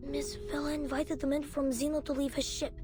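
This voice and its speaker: A woman's voice: sits high, flat delivery, a little fast, lightly acted. A woman voicing an eager, hopeful young child in game dialogue, with a bouncy, sing-song delivery. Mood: pleading. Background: game music.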